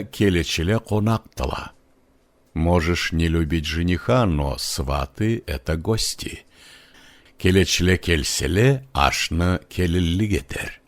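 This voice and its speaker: Чтец-мужчина, низкий тембр, неспешное размеренное чтение нон-фикшн. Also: male voice, low-pitched. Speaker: audiobook narrator. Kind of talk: reading aloud.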